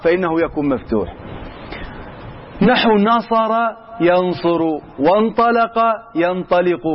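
A man teaching Arabic grammar to a class, asking questions and answering them himself, switching between colloquial and formal Arabic. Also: high-pitched. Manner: reads the text slowly, then explains it in plain words. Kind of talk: classroom lesson. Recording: slightly dull, with faint room noise.

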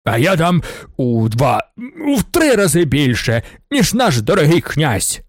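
A man's voice: a little high, very animated, unhurried, no echo, clean studio sound. A man doing a blustering, boastful marshal. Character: boastful male marshal of nobility. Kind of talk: audiobook character voice.

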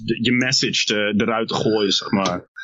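Bright-voiced easygoing male rapper. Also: lowish voice, fairly even intonation, normal speed, lo-fi sound. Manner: easygoing, loose, with frequent fillers. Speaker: rapper guest. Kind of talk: casual interview.

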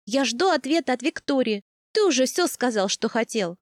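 A woman's voice: sits high, expressive, moderate pace, dry recording, clean studio sound. A woman voicing a blunt, hot-tempered young woman warrior who mocks and demands answers. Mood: snappish. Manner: sharp, mocking, demanding.

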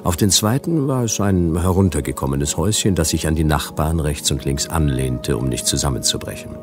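An actor narrating as a world-weary detective in a wry, hardboiled first-person style for a radio drama. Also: male voice, extremely low pitch, expressive, brisk, over music.

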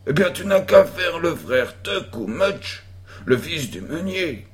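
An earnest, stubborn young boy playing the villain in a pretend duel, as a male reader acts him out. The voice sits higher than a man's usual talk. It is a storybook reading, unhurried. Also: very animated.

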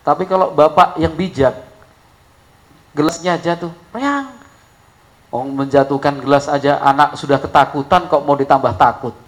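A man preaching a sermon, telling stories with lively shifts of voice and acting out an angry father. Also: normal speed, rough recording. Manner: animated storytelling, acting out an angry father in high shouts.

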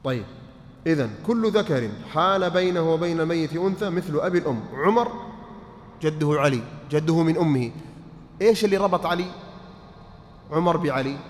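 Sheikh giving a mosque lesson, keeps asking "clear?", voice rings around a big hall with a faint hiss underneath. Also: male voice, on the high side, lively intonation, fairly quick, long pauses. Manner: quizzes students, repeats points, keeps checking they follow. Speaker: sheikh teaching inheritance law. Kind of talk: mosque study-circle lesson.

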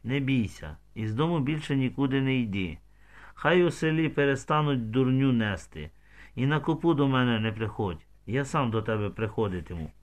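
A man voicing a grown village man who speaks softly and tenderly, soothing a frightened girl in an audiobook. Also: medium pitch, animated, moderate pace, close to an everyday voice. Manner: soft, hushed, soothing.

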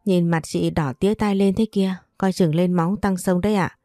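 A woman voicing a second wife who gently calms another woman down, in a storybook reading. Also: lowish voice, moderate pace, dry recording, studio quality, natural voice. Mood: soothing. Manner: gentle, placating. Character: second wife, calm and soothing.

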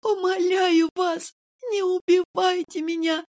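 Woman doing a hoarse, terrified young nurse. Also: high voice, normal speed, pushed and bright, pitched above the performer's own voice. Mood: pleading, terrified.

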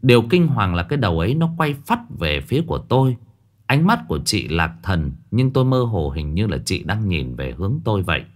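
A man's voice: on the low side, sing-song, brisk. A man narrating a first-person horror story in a dramatic, tense way. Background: faint music.

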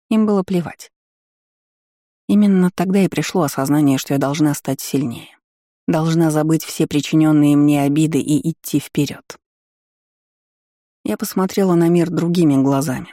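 A man reading a first-person audiobook in measured, even storytelling. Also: fairly high pitch, no room sound, clean studio sound. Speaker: audiobook reader.

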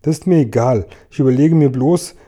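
A man voicing a grumpy, sharp-tongued centipede in a storybook reading, snappish and sarcastic. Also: mid-range voice, brisk, voice pushed up, natural voice.

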